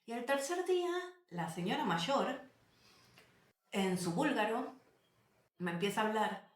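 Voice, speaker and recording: A woman, telling travel stories to camera as a vlogger, animated and emphatic, repeating phrases and addressing viewers directly. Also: a little high, a little slow. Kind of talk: casual storytelling to camera. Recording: roomy echo.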